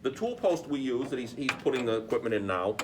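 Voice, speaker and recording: A man's voice: mid-range voice, sing-song, fast talker. Male shop instructor, experienced machinist explaining step by step, mid-range voice, noticeable background noise. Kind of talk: hands-on step-by-step shop demonstration. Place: workshop beside a lathe.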